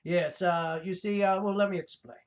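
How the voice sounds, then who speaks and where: A livestream host performs a comic villain monologue in character as a gloating reptilian mad scientist disguised as a human, pompous, boastful and rambling. The voice itself is medium-pitched, steady and at normal speed, close to an everyday speaking voice.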